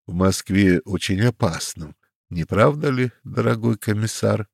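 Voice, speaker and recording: Composed gentleman, low and insistent, read by a male narrator. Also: measured pace, gravelly, dry recording, studio quality. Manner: calm, insistent.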